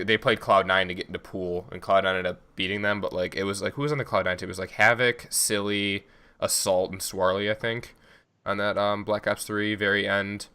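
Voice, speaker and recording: A man's voice: sits low, pushed and bright, clean tone. A man co-hosting a gaming podcast, talking loosely and rambling through stories with laughs. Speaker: podcast co-host, competitive gamer. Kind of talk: casual chat.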